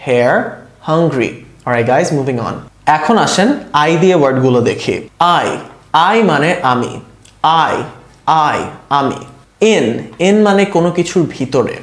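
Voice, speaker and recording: A man with a Bangladeshi accent teaching English vocabulary to Bengali speakers, repeating each word slowly and asking the listener to say it back. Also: fairly high pitch, reverberant.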